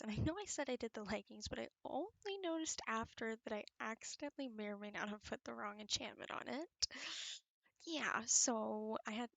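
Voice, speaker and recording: Young woman with creaky, higher-pitched voice. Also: a bit bright, dry recording. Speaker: video creator narrating gameplay. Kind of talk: casual gaming chat. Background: background music.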